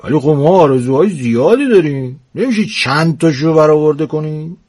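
A man voicing a stubborn, teasing old grandfather in a storybook reading, loud and mocking, drawing words out. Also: on the high side, animated, breathy edge, pitched above the performer's own voice.

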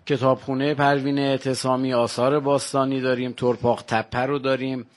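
A man's voice: medium pitch, level tone. Older man with a Varamini accent. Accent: Varamini Persian. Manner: proud, listing local facts at length. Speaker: village guest. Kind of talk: radio phone-in chat.

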